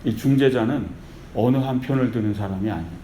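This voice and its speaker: A male pastor delivers an animated sermon, mixing preaching with storytelling. His voice is mellow and dark, heard in an echoey church sanctuary with a faint hiss behind it. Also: medium pitch, quick pace. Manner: animated storytelling with repeated calls of faith.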